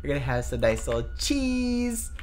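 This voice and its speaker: A woman narrating a Minecraft role-play, excitable and full of yelps and exclamations. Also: low voice, moderate pace, soft background music.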